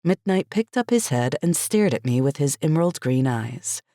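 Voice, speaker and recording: A woman reading a first-person cozy mystery audiobook as an expressive, light storytelling narrator. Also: sits low, moderate pace, no echo, studio quality.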